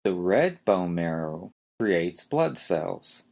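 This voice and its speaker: A man's voice: deep voice, big pitch swings, takes it slowly, creaky, a little mellow. A man hosting a medical terminology podcast, spelling each term letter by letter and pointing out where the stress falls. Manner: spells words letter by letter and stresses syllables carefully. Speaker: podcast host teaching medical terms. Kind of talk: slow spelled-out lesson.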